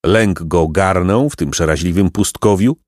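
A man narrating a children's storybook in an expressive, lyrical reading. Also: sits low, unhurried, no room sound, clean studio sound. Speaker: audiobook narrator.

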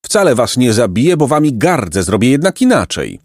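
A man's voice: mid-range voice, very animated, brisk, no room sound, clean studio sound, pitched above the performer's own voice. A man voicing a clever, bold boy who speaks firmly and matter-of-factly in a storybook reading. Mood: stern. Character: clever bold boy, stern but kind.

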